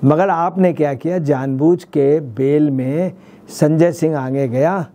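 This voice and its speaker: A man's voice: a little high, slow pace, dark tone. A man, a senior journalist, giving emphatic political commentary in a news interview, repeating his points.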